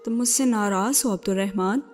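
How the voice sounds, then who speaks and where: Storybook: woman reads a devoted young girl, sincere and pleading, mid-pitched. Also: darkish tone, soft background music, close to an everyday voice. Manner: pleading and earnest. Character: earnest, devoted little girl of about nine.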